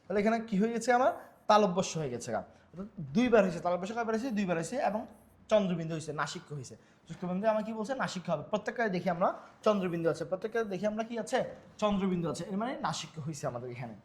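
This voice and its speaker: A young man teaches at a rapid clip, his voice sitting high. He keeps asking himself questions and restating each rule as he walks through exam-prep slides. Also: lively intonation. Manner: repetitive, quizzing himself with rhetorical questions. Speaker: Bengali grammar teacher.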